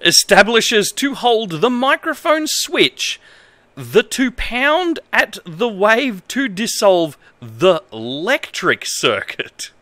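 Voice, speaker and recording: A thirtysomething Australian streamer sits at a desk indoors, talking casually and reading aloud in a stop-start, comedic, emphatic, amused manner. He has a high, bright, forceful voice that swings widely in pitch and takes its time, with no room sound.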